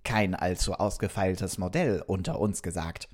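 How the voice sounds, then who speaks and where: A man's voice: sits low, measured pace. A man voicing a friendly, curious robot from another planet, telling a children's story and asking the kids questions. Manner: lively, talks directly to the kids with questions.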